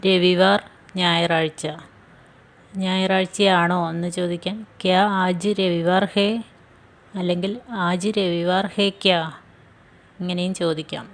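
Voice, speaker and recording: A woman leads a scripted language lesson, drilling each phrase with careful repetition. She speaks very slowly in a fairly low, level tone that hardly rises or falls. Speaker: language teacher.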